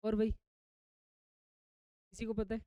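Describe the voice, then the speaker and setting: A woman's voice: on the high side, completely flat delivery, slow, warm tone, clear, resonant tone, no echo. A woman biology teacher giving a classroom lecture. She keeps asking her students questions and then repeats the answers herself, mixing English terms into her explanations.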